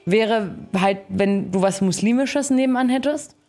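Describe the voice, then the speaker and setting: A young adult woman with a medium-pitched, darkish voice talks a little slowly as she streams a game indoors, offering casual commentary full of colloquial slang. Game music fills the background.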